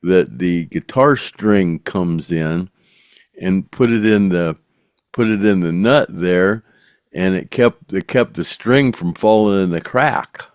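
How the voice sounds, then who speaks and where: Older man with a deep drawl. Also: clean tone, dry recording, clean studio sound. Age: 70s. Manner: rambling storyteller, halting restarts, chuckles. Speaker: podcast host. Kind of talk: casual chat.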